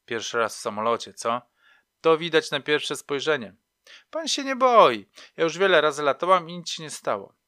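A man's voice: fairly high pitch, big pitch swings, moderate pace, pushed and bright, no echo, clean studio sound, voice pushed up. A man voicing a talkative, nosy, pious older woman fussing over a fellow passenger.

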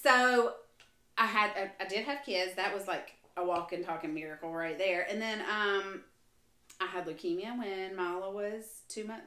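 A woman's voice: medium pitch, moderate pace, sharp tone, echoey room. A woman who is a guest on a faith podcast, telling her story in an earnest way, with frequent restarts and fillers.

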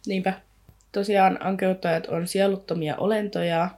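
A woman co-hosting a podcast in a relaxed, chatty way, speaking. She retells the plot in loose, rambling sentences full of fillers and now and then reads a passage aloud from the book. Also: medium pitch. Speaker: podcast co-host. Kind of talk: casual book discussion with read-aloud passages.

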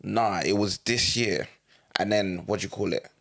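A man's voice: fairly low pitch, steady tone, normal speed, vocal fry, fairly bright tone. A young man with a London roadman accent, chatting casually in heavy street slang and repeating himself for emphasis.

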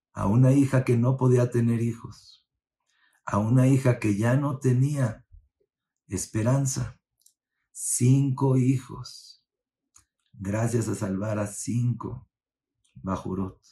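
Man, rabbi, raspy fry in the voice, mid pitch; tells dramatic sermon stories and slips in Hebrew terms. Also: steady tone, takes it slowly, pauses often, warm tone. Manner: dramatic storytelling, acts out voices of the figures; mixes in Hebrew religious terms. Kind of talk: storytelling sermon.

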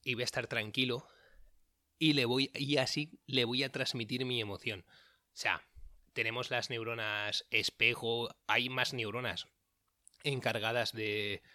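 Bright-voiced Spanish man chatting casually. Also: medium pitch, fairly even intonation, a little slow, no room sound, clean studio sound. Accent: Spain Spanish. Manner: chatty, self-correcting, frequent fillers. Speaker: podcast host giving dating advice. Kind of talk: casual monologue. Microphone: solo audio recording.

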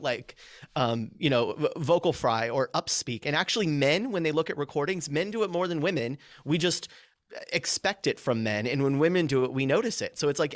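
A public speaking coach with a medium-pitched voice explains ideas in an energetic, casual podcast chat peppered with filler words. The clean studio sound has no echo.

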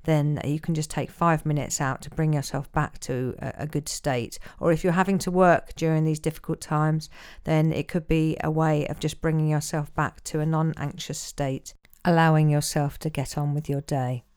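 A woman's voice: low voice, steady tone, normal speed, darkish tone, clear, resonant tone. A woman coach and podcast host giving an informal spoken introduction to listeners.

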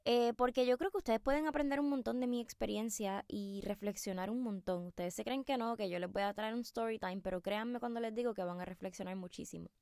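A woman's voice: a little high, a little fast, hardly any pauses, mellow, dry recording, clean studio sound. A woman hosting a podcast, telling a story casually and chattily with many fillers and asides to her listeners. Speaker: podcast host.

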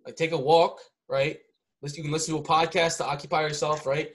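A man's voice: a little high, little pitch movement, fast talker. A man talking casually on a podcast, rambling with many restarts and often ending lines with "right?".

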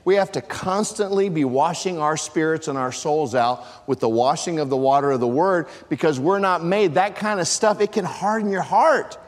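Emphatic pastor in an echoing hall. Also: male voice, a little high, normal speed, few pauses. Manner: emphatic, rising to shouts for emphasis. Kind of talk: sermon. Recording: long reverb of a large hall.

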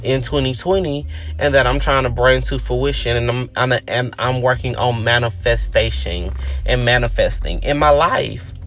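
A man's voice: medium pitch, normal speed, fairly bright tone. A man hosting his own podcast, talking earnestly and reflectively in a casual, conversational way. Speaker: podcast host. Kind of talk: reflective solo podcast monologue.

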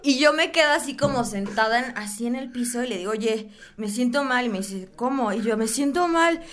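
A young woman with a Mexican Spanish accent co-hosts a casual podcast. Her voice is high, and she keeps the chat going with quick interjections while telling her side of the stories. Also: fairly bright tone. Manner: chatty, agreeing, quick interjections. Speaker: podcast co-host.

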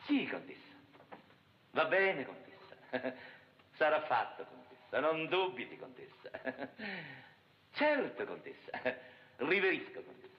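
A man's voice: fairly high pitch, wildly swooping pitch, unhurried, long pauses, full character voice. An actor playing an exasperated male professor of an asylum who coaxes and pleads with a patient, on an old film soundtrack. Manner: pleading, fussy, coaxing. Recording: dull old film soundtrack with faint hiss.

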